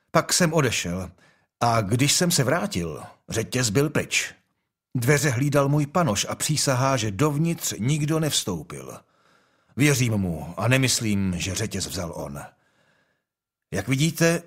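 A man's voice: mid-range voice, breathy edge. A man voicing a young, imperious and impatient king in an audiobook, speaking in a commanding, brusque way.

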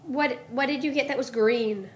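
A woman's voice: high-pitched, moderate pace, background noise. A young woman, a mother, patiently coaxing her toddler with simple questions in a home video.

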